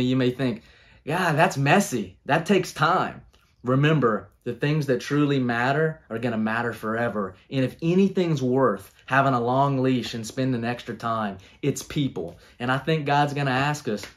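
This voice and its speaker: A man in his thirties, earnest and coaching in tone, talking about leadership on a video call from a small room at home. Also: mid-range voice. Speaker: guest speaker on leadership.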